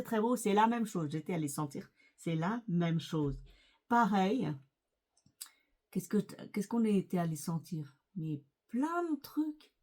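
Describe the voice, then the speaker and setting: Slow, chatty middle-aged woman vlogger. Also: fairly low pitch, dark tone. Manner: chatty, hesitant, many fillers and restarts. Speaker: lifestyle vlogger. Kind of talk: casual chat about perfumes.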